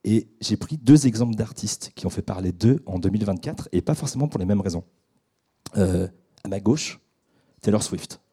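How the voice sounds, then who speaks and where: Low, dark-voiced man hosting a radio show. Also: expressive, husky. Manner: halting, many fillers and restarts. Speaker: radio debate host. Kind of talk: hesitant unscripted introduction. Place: radio studio.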